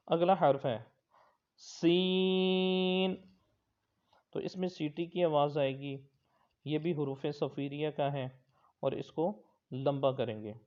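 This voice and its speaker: A male Quran teacher giving an Arabic letter pronunciation lesson in Urdu, explaining patiently and then drawing each letter out loud and slow. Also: medium pitch, muffled recording.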